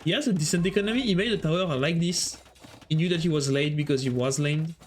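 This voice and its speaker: A man's voice: on the high side, fast talker, slight background noise. A man with a French accent casting a strategy game on a live stream, chatting with viewers between plays. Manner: chatty, answers chat while casting.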